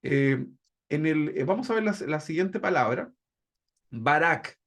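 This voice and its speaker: A man's voice: on the high side, expressive, a little slow, gravelly, fairly bright tone. A man teaching a Bible discipleship class in a conversational way, often checking in with "¿verdad?". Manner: conversational, keeps asking "¿verdad?".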